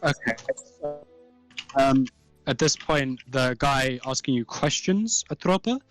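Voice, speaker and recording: A man narrating as game master over voice chat, casual and halting, with many fillers as he describes the scene. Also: medium pitch, lively intonation, fairly bright tone, faint music behind, low-quality recording. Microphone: voice chat mic.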